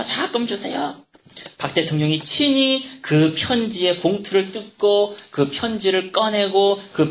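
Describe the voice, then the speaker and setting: A man's voice: high-pitched, fairly bright tone, reverberant. A male pastor preaching a sermon, telling a story and acting out its dialogue in different voices.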